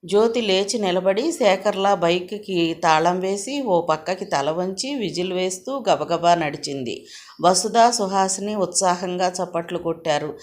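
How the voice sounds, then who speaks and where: A woman narrating a novel aloud in a measured, expressive reading. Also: on the low side. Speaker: audiobook narrator.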